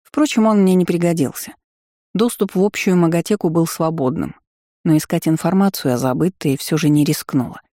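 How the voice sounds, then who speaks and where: A woman reading a first-person fantasy novel aloud in a wry, lively storytelling manner. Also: sits low, moderate pace, dry recording, studio quality. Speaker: audiobook narrator.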